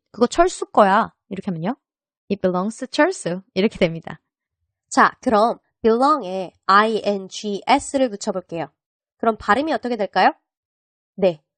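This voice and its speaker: Woman, podcast English teacher: lively, asks and answers her own questions, spells words out, mid-range voice, dry studio sound. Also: mid-range voice, dry recording. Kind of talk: podcast vocabulary lesson.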